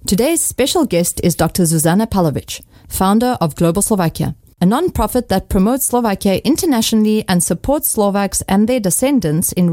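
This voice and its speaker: A woman's voice: mid-range voice, warm tone, no echo, studio quality. A woman hosting a radio program, reading scripted introductions in an announcer's manner. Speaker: radio host. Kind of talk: radio presenting. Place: radio studio.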